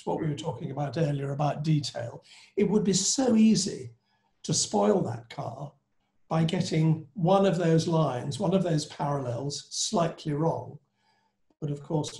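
On a video call, a man sitting on a judging panel for classic cars talks in a measured, admiring way about fine details. His voice is a little high with a dark tone, and the room is echoey.

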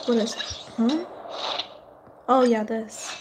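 A woman streaming a video game, chatting in a giggly, excitable way. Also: a little high, takes it slowly, noisy background. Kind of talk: casual gameplay commentary.

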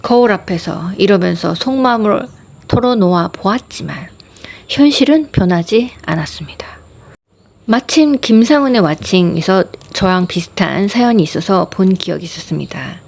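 A woman's voice: medium pitch, creaky. A woman, a wife and mother, narrating a reflective personal story in an earnest voice that sometimes drops to a whisper. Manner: soft, earnest, slips into whispers at times. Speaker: vlogger sharing a personal meditation story.

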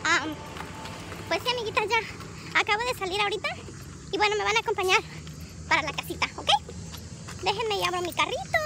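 A woman's voice: very high-pitched, a little fast, pauses often, noisy background. A woman, chatting casually to viewers while filming herself on a phone at home and in her car. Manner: chatty, keeps addressing viewers as friends. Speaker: vlogger. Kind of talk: casual chat to camera. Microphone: phone held at arm's length.

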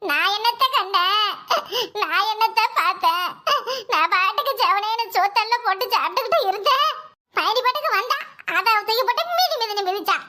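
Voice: extremely high pitch, expressive, quick pace, sharp tone, heavily acted. A voice actor playing a melodramatic young woman in a cartoon comedy, wailing and half laughing as she laments. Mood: whining.

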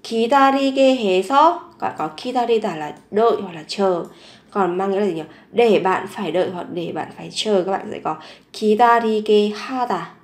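A woman teaching a language lesson. She says each phrase several times, slowly and clearly, and then explains it. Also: mid-range voice, echoey room.

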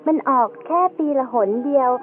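In an educational radio drama, a woman voices a curious, polite little girl who asks questions in a childlike, eager way. She speaks at a moderate pace in a natural voice, and the tinny, band-limited audio carries slight background noise and faint music.

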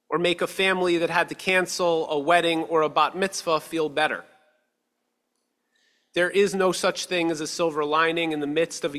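A man's voice: on the high side, sharp tone. Earnest male rabbi in an echoing sanctuary. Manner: measured, earnest, slows for emphasis. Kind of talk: sermon. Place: synagogue sanctuary, at a lectern. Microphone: stand mic on lectern. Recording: long reverb of a sanctuary hall.

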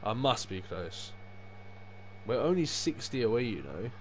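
A man's voice: medium pitch, very animated, unhurried. A young man chatting casually on a gaming livestream, sweary and full of matey slang. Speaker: livestreaming gamer. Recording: clear background noise.

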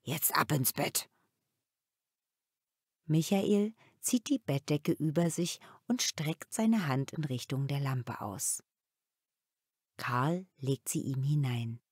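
Woman narrator, low-pitched, slow and measured, slightly husky, dry studio sound, children's audiobook. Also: darkish tone, no room sound.

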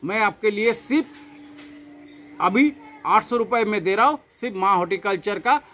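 An Indian man in his thirties presents a sales offer to camera. His voice is strikingly high for a man, with a bright, forceful edge. He stresses and repeats his points, mixing in English terms. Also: animated, normal speed. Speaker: plant nursery seller and channel host. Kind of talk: promotional sales talk to camera. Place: covered open-air yard beside a house.

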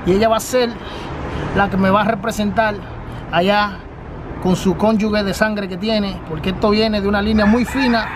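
A man's voice: sits high, steady tone, moderate pace. A man in his thirties from the Dominican Republic, with a Dominican Spanish accent, earnestly explaining things to his channel's viewers in a casual vlog, filmed outdoors beside a storefront. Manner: earnest, repetitive, addresses viewers directly. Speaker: family channel host. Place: outdoors by a storefront on a city street. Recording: street noise outdoors. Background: city traffic.

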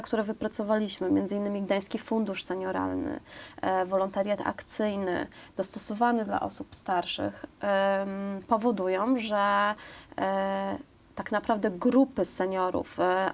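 A woman in her thirties, a guest in a TV studio interview, talking earnestly with many fillers and piling up examples. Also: medium pitch. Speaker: volunteer program guest. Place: TV studio, seated on sofa.

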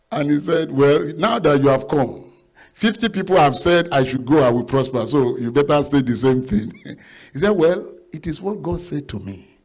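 A Nigerian pastor preaches with a high voice full of gravel. He tells the story vividly, acting out the characters' lines and laughing often. The recording sounds dull and muffled. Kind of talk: sermon.

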